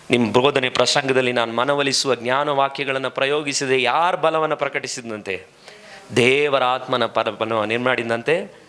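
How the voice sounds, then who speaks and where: A man's voice: mid-range voice, a bit bright. A man preaching a sermon as pastor to his congregation, impassioned, with many rhetorical questions, speaking. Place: church hall.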